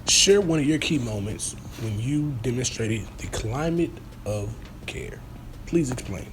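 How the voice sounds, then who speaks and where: A man's voice: medium pitch, lively intonation, a little slow, rough recording. A man reading out formal scripted questions as an interviewer. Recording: faint background noise.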